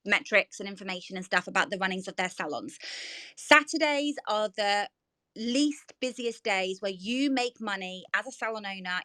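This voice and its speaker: A woman's voice: medium pitch, bright, forceful tone, no room sound. A woman hosting a casual discussion, thinking aloud and searching for words. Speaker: host.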